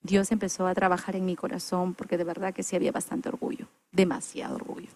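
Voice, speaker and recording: A woman's voice: lowish voice, flat delivery, quick pace, darkish tone. Lady on a podcast, earnest storytelling, chatty guest. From Peru. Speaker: interview guest. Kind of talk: personal testimony in a chat.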